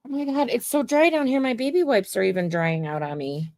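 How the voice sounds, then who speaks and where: A woman's voice: on the high side, brisk, a little mellow. A woman mosaic artist hosting a livestream, chatting casually and rambling to viewers while she works. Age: adult. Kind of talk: casual chat while crafting.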